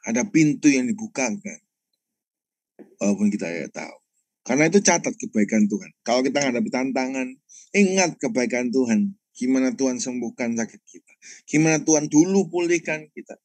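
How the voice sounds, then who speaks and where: A man's voice: medium pitch, animated, fairly quick, darkish tone, no echo, rough recording. A man, a pastor telling a personal testimony in a sermon and often addressing the congregation directly.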